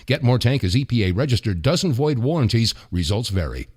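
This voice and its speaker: A man hosting a talk radio show, reading a sponsor's ad in a smooth radio-host delivery. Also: mid-range voice, very animated, a little fast, darkish tone. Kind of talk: live host-read radio ad.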